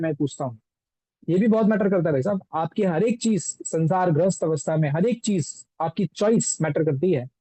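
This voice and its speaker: A man's voice: high-pitched, dark tone, no room sound, poor audio. A man teaching a scripture text, explaining it through everyday examples and rhetorical questions.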